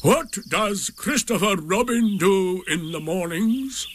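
Clever storybook rabbit, voiced by a man, high and animated, officious, prompt with every answer. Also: slow pace, full character voice. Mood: brisk. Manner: prompt, businesslike. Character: brisk, clever, self-important male rabbit.

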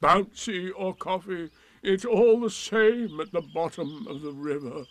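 A man's voice: high-pitched, measured pace, no room sound, pitched above the performer's own voice. A man voicing a gloomy, sulky old male donkey in a storybook reading, with a mournful, sarcastic drawl.

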